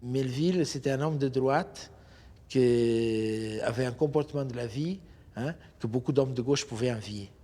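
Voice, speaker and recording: A man's voice: mid-range voice, unhurried, dark tone, in a large hall. A man from Portugal raised in Mozambique, speaking earnestly in a documentary interview, stumbling over words now and then.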